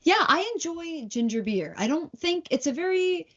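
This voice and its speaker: A woman's voice: high-pitched, expressive, moderate pace. Giggly woman chatting over a video call. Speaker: podcast co-host. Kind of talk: casual chat. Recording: dull lo-fi call audio.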